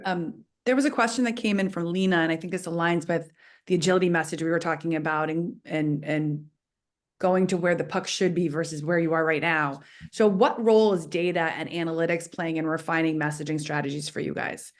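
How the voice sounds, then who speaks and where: A woman moderating a webinar panel, relaxed as she puts audience questions to the guests. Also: low voice, brisk.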